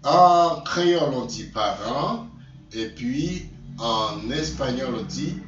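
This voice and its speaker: A man teaching vocabulary in a slow lesson, repeating words and correcting himself. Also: mid-range voice, lively intonation. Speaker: language teacher. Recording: distant echoey room, dull lo-fi sound.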